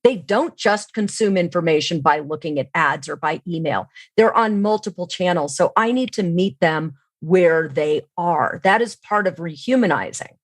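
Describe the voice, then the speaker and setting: A sales training expert appears as a podcast guest over a remote online call, explaining things instructively and often asking questions she then answers herself. Her fairly low voice is animated, at normal speed, with hardly any pauses and no room sound.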